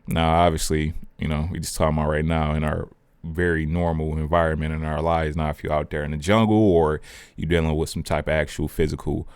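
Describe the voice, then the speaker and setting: Brief: deep-voiced male host of a spiritual vlog, casual and slangy, digresses and restarts, dry close sound. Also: flat delivery, fairly quick, a little mellow, clear, resonant tone, no room sound. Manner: rambling, digressive, self-interrupting; slangy and conversational. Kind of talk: casual spiritual talk to camera.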